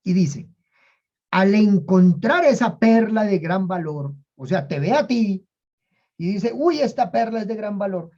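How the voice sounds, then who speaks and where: Woman, Bible teacher, emphatic, repeats herself, mellow tone, muffled lo-fi recording. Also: mid-range voice, animated, a little slow. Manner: emphatic, repeats key phrases, urges listeners to say lines aloud.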